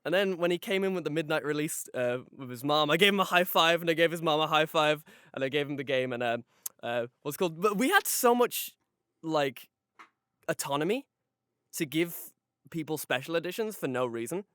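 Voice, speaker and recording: A man's voice: on the high side, animated, fairly quick, fairly bright tone, clean tone, no room sound, clean studio sound. A man hosting a podcast in casual chat, rambling along with lots of dude-and-man slang. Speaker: podcast host.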